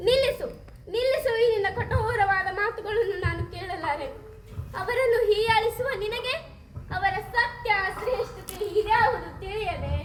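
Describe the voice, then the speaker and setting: A woman's voice: extremely high pitch, moderate pace, background noise. A young woman on stage voicing a grieving queen and devoted wife, crying and pleading. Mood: proud. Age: late teens. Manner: wailing, tearful pleading. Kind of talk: stage mono-acting. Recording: echoey hall.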